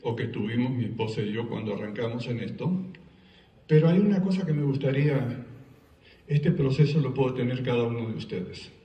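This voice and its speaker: Talking fairly quickly in a medium-pitched voice, a man from Argentina with an Argentine Spanish accent entertains an event-hall audience with personal stories and jokes. The audio is dull and echoey, recorded from a distance.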